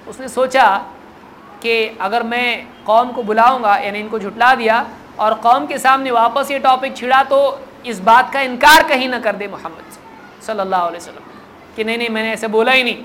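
A preacher delivers a hadith lesson at a mid-range pitch. Slow, measured Arabic recitation gives way to lively colloquial explanation, with the story's exchanges acted out. A faint hiss of noise sits under the voice. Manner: acts out the dialogue of the story. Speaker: Islamic preacher.

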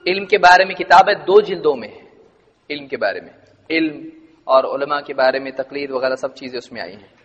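A man's voice: fairly high pitch, fairly bright tone, slightly rough, long reverb tail, lo-fi sound. A man teaching a religious lesson to a gathered audience, asking rhetorical questions and answering them, explaining word meanings step by step.

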